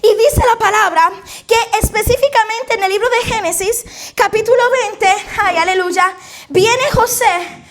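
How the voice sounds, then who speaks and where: A woman pastor preaching a lively sermon to a congregation, laughing often and calling out praises. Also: very high-pitched, normal speed. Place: church in front of a congregation.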